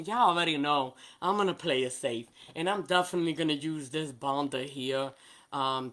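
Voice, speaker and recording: Demonstrating nail art live, this woman chats casually with her viewers, calling them by name and laughing a lot. She has a low-pitched, fairly bright voice and a Spanish-influenced New York accent, being a New Yorker whose first language is Spanish.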